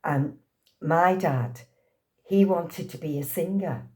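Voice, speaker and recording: Deep, slow and warm, the voice belongs to a woman in her sixties, an actress from Liverpool, England, who speaks with a Liverpool accent. She's telling anecdotes during a casual interview and laughs often.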